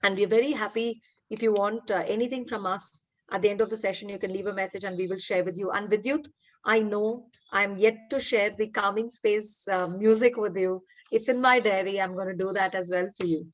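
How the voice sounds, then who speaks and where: A woman's voice: medium pitch, steady tone, a little fast. Woman facilitator on a video call, encouraging, quizzing the group. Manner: warm encouraging, asks participants questions. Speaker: workshop facilitator and founder. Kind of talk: online workshop teaching.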